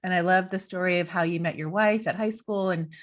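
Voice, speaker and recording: Speaking a little fast in a lowish, steady tone, this forties podcast host reads a scripted promo before sliding into relaxed interview talk. She's upbeat and effusive, sprinkling in plenty of "you know," and records from her living room on a video call with earbuds and a studio mic on a boom arm.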